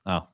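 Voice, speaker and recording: Heard in clean studio sound with no room noise, this man has a sharp-toned voice and an Australian or New Zealand accent. As co-host of a radio hobby show, he casually explains products for beginners in a relaxed, chatty hosting style.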